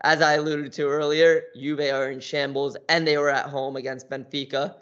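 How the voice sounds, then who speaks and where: Guy rattling off match scores quick, kinda high voice, muffled lo-fi sound. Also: flat delivery, a bit bright. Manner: quick results rundown with dry jokes. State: out of breath. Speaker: podcast co-host. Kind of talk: casual football chat. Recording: dull lo-fi audio.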